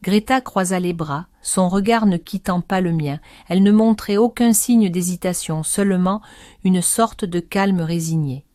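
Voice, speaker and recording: A woman narrating a first-person story in a steady, measured way. Her voice is low and mellow, with a dark warmth, and it sounds dry and close with no room around it. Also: no room sound.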